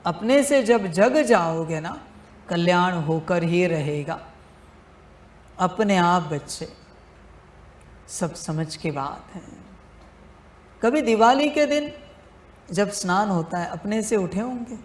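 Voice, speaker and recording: A male spiritual teacher giving a devotional discourse, speaking deliberately and repeating phrases for emphasis, addressing listeners fatherly as his children. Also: sits high, expressive, echoey room.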